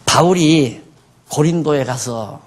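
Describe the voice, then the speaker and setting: A man's voice: on the high side, takes it slowly. A man preaching a sermon in a conversational way, often asking his listeners questions. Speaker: pastor.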